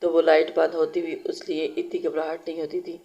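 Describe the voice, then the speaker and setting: A narrator reading a romance novel aloud in a steady storytelling style, with occasional restarts. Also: medium pitch, brisk, muffled recording.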